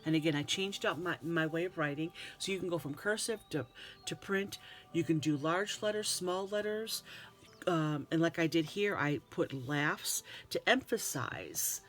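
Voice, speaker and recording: Lady walking through her bible journal, chatty and rambly, lots of restarts, soft music going underneath. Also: deep voice, unhurried. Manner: rambling, repeats words and restarts often. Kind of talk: casual tutorial, reading verses aloud.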